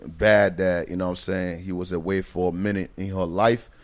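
A man's voice: low-pitched, fairly even intonation, normal speed. A man from Liberia, a personal trainer and bodybuilder, telling stories in a laid-back way with streetwise slang in a casual interview.

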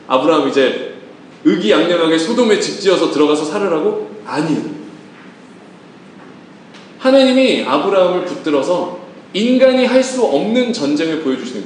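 Lively male preacher, high and very expressive voice, heard from a distance in a booming room; good for a humorous sermon. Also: moderate pace, very echoey, a little hiss or hum. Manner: animated, joking, asks the congregation questions. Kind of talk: lively sermon with acted-out quotes.

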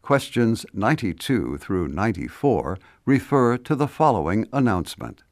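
A man's voice: lowish voice, sing-song, normal speed, no room sound, studio quality. A man reading scripted exam instructions as a formal narrator. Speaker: listening test narrator.

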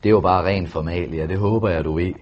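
A man's voice: low voice, steady tone, lo-fi sound. A man voicing a smug, well-off middle-aged uncle with a breezy, condescending manner.

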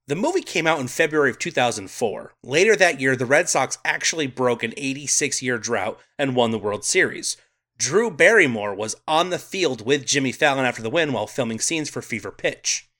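Bright-voiced man recapping a movie. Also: medium pitch, animated, brisk. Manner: recaps the plot and shares trivia, laughs often. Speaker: podcast co-host. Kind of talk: casual movie chat.

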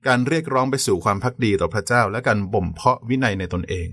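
A man co-hosting a podcast in a conversational lecture style, polite and quick to affirm. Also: mid-range voice, a bit bright, dry recording, clean studio sound. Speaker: podcast co-host.

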